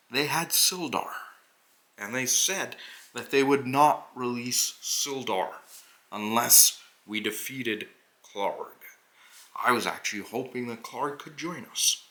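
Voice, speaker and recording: A man voicing a noble, earnest hobgoblin adventurer who recounts a tabletop quest with deliberate, halting phrasing and dramatic pauses. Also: mid-range voice, sharp tone. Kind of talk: in-character narration of a tabletop adventure.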